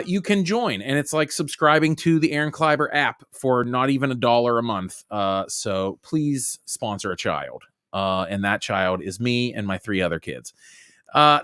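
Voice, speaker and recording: A man in his thirties hosts a casual comedy podcast, talking loosely and cracking jokes. His voice is bright and forceful, recorded close and dry. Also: mid-range voice, dry recording. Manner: loose and jokey, says "dude" a lot. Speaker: podcast host.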